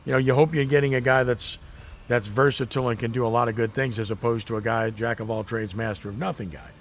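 A man's voice: mid-range voice, steady tone, quick pace. Man hosting sports talk radio. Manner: conversational, analytical.

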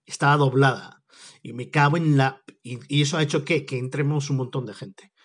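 A man's voice: mid-range voice, fairly even intonation, moderate pace. A man hosting a podcast, talking in a casual, jokey, digressive monologue. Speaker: podcast host.

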